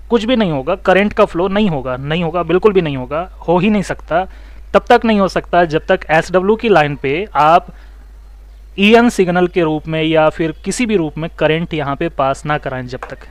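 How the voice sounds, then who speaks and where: A man teaching mobile phone repair, explaining circuits step by step, asking students questions and telling them to take notes, and talking fast. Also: high-pitched, no room sound. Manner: talks fast, says so himself. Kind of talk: online electronics lesson.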